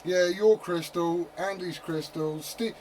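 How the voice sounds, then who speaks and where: An amateur CB radio operator chats casually in slang and swears freely over his CB set, speaking slowly in a high-pitched male voice. The transmission is noisy and full of heavy static.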